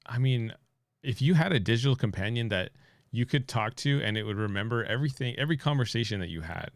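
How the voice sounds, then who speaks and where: Gravelly-voiced man chatting on a podcast. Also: mid-range voice, expressive, no echo, studio quality. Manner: upbeat, chatty, quick to laugh. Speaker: podcast co-host. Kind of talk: casual chat.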